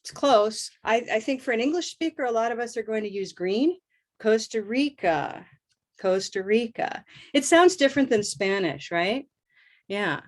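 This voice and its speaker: A woman's voice: a little high, lively intonation. Upbeat woman teaching pronunciation. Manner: upbeat, drills words by repeating them slowly. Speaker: host and English pronunciation teacher. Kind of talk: live online pronunciation lesson.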